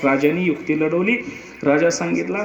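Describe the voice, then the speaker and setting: A man's voice: fairly high pitch, steady tone, moderate pace, gravelly. A man telling a dramatic historical story emphatically, with repeated lines and rhetorical questions. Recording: echoey, muffled hall recording.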